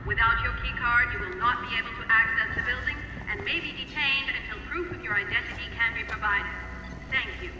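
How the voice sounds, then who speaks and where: Loudspeaker building announcer. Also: female voice, fairly high pitch, background noise. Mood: calm. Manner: calm, formal, measured announcements. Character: female automated building security announcer. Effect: factory-style loudspeaker announcement. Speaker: facility public address announcer. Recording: echoey loudspeaker in large hall, loud game music.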